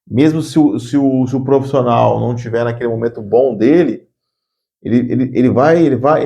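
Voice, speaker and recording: A man's voice: mid-range voice, creaky, mellow, lo-fi sound. A man giving an earnest spoken lesson on workplace communication, often repeating words as he thinks. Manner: acts out curt bossy phrases as examples.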